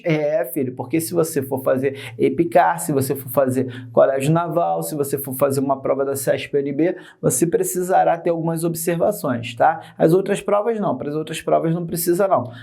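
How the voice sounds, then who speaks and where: A young Brazilian man with a playful, chatty manner, teaching a lively Portuguese grammar video lesson and calling the viewer "son.". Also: a little high, gravelly.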